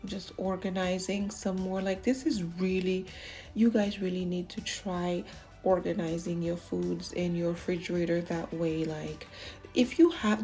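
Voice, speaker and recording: A medium-pitched woman with a dark tone provides a casual voice-over for a cleaning video. As a home organization vlogger, she addresses viewers in a chatty way and encourages them with tips.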